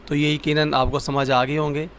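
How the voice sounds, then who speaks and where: Man drilling words in a slow lesson. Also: on the high side, level tone, over a noisy crowd. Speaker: Arabic teacher. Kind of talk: vocabulary lesson.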